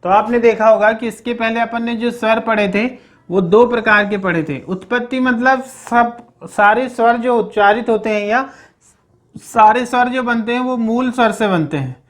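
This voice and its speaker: A teacher working through a grammar lesson at a steady, mid-range pitch. The voice keeps posing questions to the students and then answering them. Short reminders to remember each point come up again and again. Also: normal speed. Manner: repeats check-ins like "okay, remember this". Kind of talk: explaining grammar in a recorded lesson.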